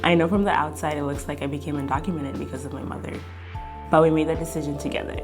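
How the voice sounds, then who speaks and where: Low-voiced young woman from Kenya. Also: fairly even intonation, fast talker, music in the background. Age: young adult. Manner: reflective, with frequent fillers. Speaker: interviewee. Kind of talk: documentary interview.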